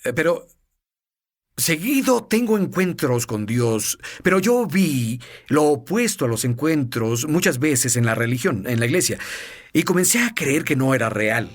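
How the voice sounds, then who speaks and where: A man's voice: medium pitch, big pitch swings, a little slow. Earnest man telling a testimony. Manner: storytelling, earnest, laughs while telling. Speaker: evangelist guest. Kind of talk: testimony in a TV interview.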